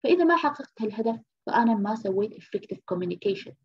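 A woman's voice: a little high, expressive, fast talker, a little hiss or hum. A woman from Egypt giving a university lecture, explaining patiently, repeating key terms and checking in with "okay?". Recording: muffled lo-fi lecture recording.

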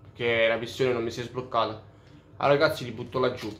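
A man chatting through a let's play, cursing often and admitting out loud that he is lost. His pitch sits at an ordinary middle. The sound carries a noticeable room echo. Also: steady tone, fairly quick, slight background noise. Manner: profane, openly baffled. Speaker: gamer. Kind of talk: casual let's play commentary. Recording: roomy echo.

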